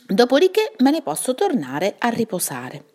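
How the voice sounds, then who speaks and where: A woman's voice: fairly high pitch, huge pitch swings, moderate pace, darkish tone, voice pushed up. A woman voicing a sad, talkative old male wizard in a bedtime story, wistful and self-pitying.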